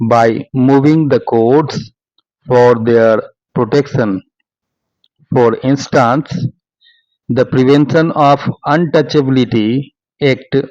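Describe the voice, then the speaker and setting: A man with an Indian accent dictating a speech for shorthand practice, measured and phrase by phrase. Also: medium pitch, darkish tone, dry recording, muffled recording. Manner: measured, phrase-by-phrase delivery with spoken paragraph marks. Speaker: stenography dictation instructor.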